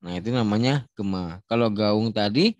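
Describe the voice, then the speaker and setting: A man teaching a science lesson in a relaxed, chatty way. He sometimes shouts out sample sounds to demonstrate. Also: on the low side, moderate pace, dry recording, highs cut off. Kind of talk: casual classroom explanation.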